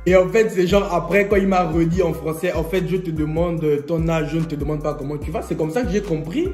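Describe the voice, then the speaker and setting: Young male vlogger, high voice, playful storyteller, echoey room, faint music underneath. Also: fairly quick. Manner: lively, joking storyteller who laughs often. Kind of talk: storytime vlog.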